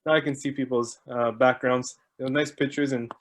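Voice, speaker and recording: On an online video call he's hosting, a man speaks fairly quickly in a steady, medium-pitched voice. He keeps things casual, joking about stalling and warmly saying hello to each newcomer.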